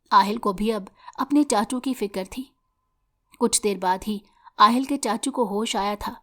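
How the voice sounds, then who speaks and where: A woman narrating a dramatic novel as scripted storytelling, steady and even. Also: medium pitch.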